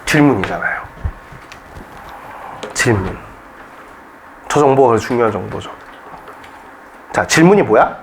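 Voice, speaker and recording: A man's voice: medium pitch, animated, unhurried, pauses often, slight background noise. A man teaching a Korean reading class at a cram school, joking and constantly firing rhetorical questions at his students. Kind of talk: classroom lecture.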